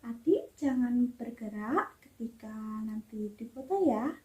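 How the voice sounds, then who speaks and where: A woman's voice: on the high side, lively intonation, measured pace, dark tone, muffled recording. A woman playing a polite X-ray nurse in a scripted role-play, giving instructions in a customer-service manner. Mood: polite, calm.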